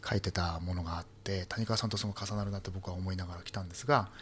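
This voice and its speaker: A man in his thirties or forties, a poet guest talking in a halting, soft-spoken way with many fillers. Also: sits low, fairly even intonation, breathy edge. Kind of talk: casual talk-show conversation.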